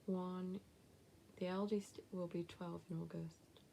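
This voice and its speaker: She's an English woman in her thirties with a West Midlands accent, talking casually to camera as she bluntly answers viewers' questions with whispered asides. Her low, gravelly voice is warm, moves little in pitch, and she takes it slowly, with a little hiss or hum in the audio.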